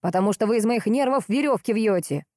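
A woman voicing a grumpy, irritable middle-aged male police colonel who talks dryly and gruffly, in an audiobook. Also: a little high, lively intonation, brisk, warm tone, dry recording, voice pushed up, lightly acted. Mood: exasperated. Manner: dry, gruff and snappish.

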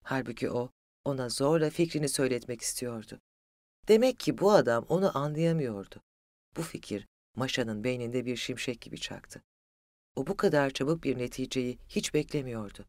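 An audiobook narrator reads a literary story in an even, steady voice pitched in the middle range. The pace is moderate, and the recording is close and dry with no room sound.

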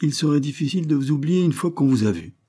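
A man doing an insolent mocking gentleman. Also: fairly high pitch, lively intonation, fast talker, slightly rough, pitched above the performer's own voice.

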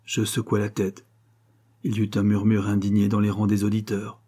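A man narrating a literary story aloud, in an expressive, dramatic reading style. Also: lowish voice, normal speed, slightly rough. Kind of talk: scripted audiobook narration.

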